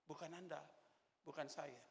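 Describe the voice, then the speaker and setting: A man in his sixties preaching a sermon in church, animated and joking as he tells stories. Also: a little high, normal speed, gravelly. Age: 60s. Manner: animated, joking storyteller with laughter. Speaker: pastor. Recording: echoey church hall.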